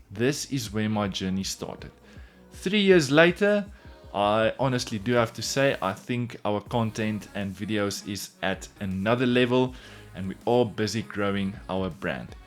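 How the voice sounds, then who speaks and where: A woodworking YouTuber from South Africa, whose first language is Afrikaans, speaks English with an Afrikaans accent in a fairly low voice. In a casual vlog he earnestly tells his own story straight to the camera, repeatedly saying "in all honesty."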